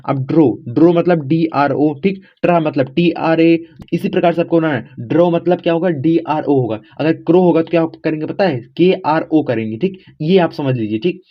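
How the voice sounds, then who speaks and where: A man explaining a lesson in an easygoing, talkative way. He walks through each letter one at a time and keeps checking in with the listener. His voice sits a little higher than usual and comes through a dull, lo-fi recording. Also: moderate pace, hardly any pauses. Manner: repeats "theek" constantly, spells letters aloud step by step; addresses viewers as friends, informal. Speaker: teacher. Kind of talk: casual classroom explanation.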